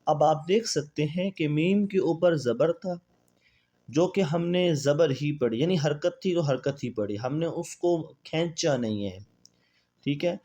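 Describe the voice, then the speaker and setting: A man teaching a Quran reading lesson, drawing out the spelling of Arabic letters in a chanting tone between brisk explanations and asking and answering his own questions. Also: fairly high pitch, dark tone.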